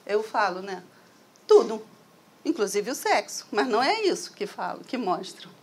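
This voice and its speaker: A middle-aged woman from Brazil talks reflectively and conversationally to an audience in a hall, using a stand microphone and often ending phrases with "né?". Her medium-pitched voice is husky and sing-song, moving at a moderate pace.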